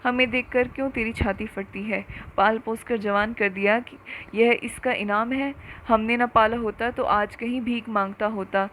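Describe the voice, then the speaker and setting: A woman reading a story aloud and voicing a furious, sharp-tongued village wife who scolds and hurls insults. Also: a little high, steady tone, moderate pace, hardly any pauses, slight background noise, lightly acted, rough recording.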